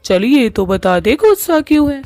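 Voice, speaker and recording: A woman's voice: high voice, big pitch swings, normal speed, gravelly, darkish tone, no echo, exaggerated voice. A woman voicing a nosy cartoon girlfriend. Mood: coaxing. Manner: nosy, coaxing. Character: curious female friend of the witch. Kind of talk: cartoon voice acting.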